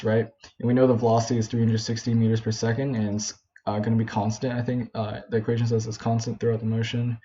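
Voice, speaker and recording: A man's voice: medium pitch, warm tone. A young man talking through a physics problem in a casual, informal way, with lots of ums, "right?" and self-corrections as he works it out. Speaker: physics tutor. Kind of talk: casual whiteboard problem walkthrough. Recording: dull lo-fi home recording.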